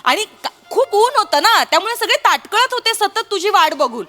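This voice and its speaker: A sharp-tongued teasing wife. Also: female voice, very high-pitched, big pitch swings, moderate pace, exaggerated voice. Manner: coaxing then needling, with dramatic exclamations. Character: teasing wife mocking her husband's weight. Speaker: comedic actor. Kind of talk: stage comedy sketch. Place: comedy show stage.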